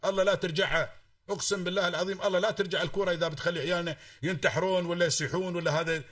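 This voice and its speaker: A man's voice: high voice, steady tone, very fast, fairly bright tone, no room sound, studio quality, far from the mic. A man with an Emirati accent calling in to a radio talk show, lecturing fervently and swearing oaths to stress his points. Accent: Emirati Arabic. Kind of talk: impassioned call-in talk.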